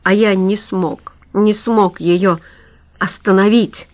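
A woman voicing a weak, guilty man who confesses through tears, halting and apologetic. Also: medium pitch, steady tone, no room sound, natural voice. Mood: tearful. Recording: dull lo-fi recording.

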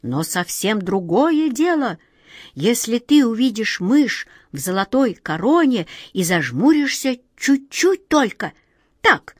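A woman reading a storybook and voicing a kindly, sly auntie who talks slowly and coaxingly. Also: on the high side, slightly rough, no room sound, studio quality, exaggerated voice. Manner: slow, drawn-out, fond coaxing tone.

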